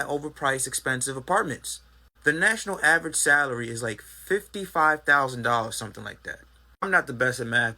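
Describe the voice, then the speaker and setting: A man's voice: medium pitch, pushed and bright. A man giving an indignant, profane rant full of rhetorical questions. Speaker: social media commentator. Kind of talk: angry commentary rant.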